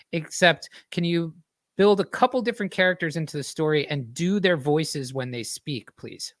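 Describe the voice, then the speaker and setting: A man's voice: a little high, a bit bright, smooth, no room sound, studio quality. A man co-hosting a podcast in casual chat, laid-back, with many fillers. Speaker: podcast co-host. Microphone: headphones and podcast mic.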